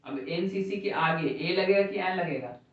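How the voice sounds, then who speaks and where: Unhurried and high-voiced, this English teacher runs a grammar lesson, putting questions to his class and echoing back what they answer. The audio comes from a distance in an echoey classroom and sounds dull.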